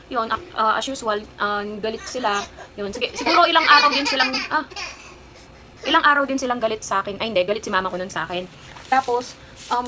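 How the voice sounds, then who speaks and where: A young woman in her twenties with a Kapampangan accent talks through a casual haul vlog, rambling and pausing with fillers. Her voice sits a little high. The home recording has steady noise underneath. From Philippines. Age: 20s. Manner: chatty, rambling, with frequent fillers. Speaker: vlogger.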